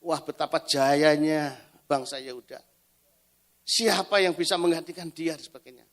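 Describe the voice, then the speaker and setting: A man preaching a sermon at a church retreat. He swings between loud exhortation and hushed storytelling. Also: fairly high pitch, fairly even intonation, normal speed.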